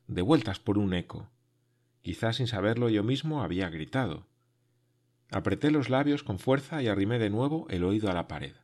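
A man reading a first-person adventure story aloud, in a measured, dramatic way that sinks to hushed tones. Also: on the low side. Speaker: audiobook narrator. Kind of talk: first-person literary narration.

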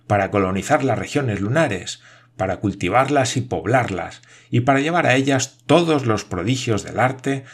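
A man voicing an excitable adventurous man who shouts in exalted outbursts, husky-voiced. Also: on the low side.

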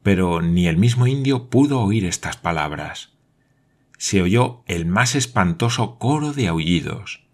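Deep-voiced man narrating an audiobook. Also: lively intonation, a little slow. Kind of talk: audiobook narration of an adventure novel.

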